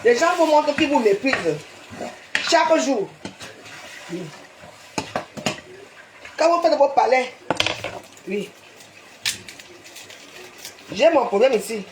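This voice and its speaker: This scolding live-stream rant comes from a woman with a Cameroonian French accent whose high-pitched voice has lively intonation, moving slowly with frequent pauses. She hits viewers with rhetorical questions and a tagged "hein?" amid roomy echo and faint noise.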